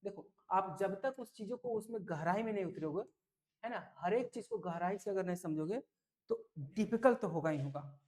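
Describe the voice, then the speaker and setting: Lively teacher man, repeating words. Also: sits high, moderate pace. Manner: lively, repeats key words, asks "clear?" often. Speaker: English teacher. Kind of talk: exam-prep vocabulary lesson.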